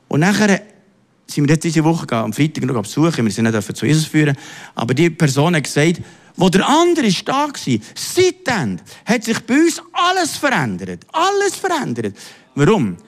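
A man delivers a sermon from the pulpit. His voice sits high and leaps all over the place, sinking into low, confiding asides before soaring into emphatic exclamations. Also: very animated, brisk. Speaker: preacher.

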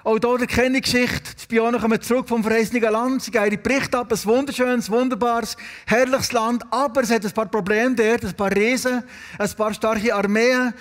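A man with a Swiss German accent preaches a sermon, his voice sitting high for a man. He tells the stories in a lively way and turns to the congregation with questions. A long reverb from the hall trails after each phrase. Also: normal speed. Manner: storytelling, asks the congregation questions.

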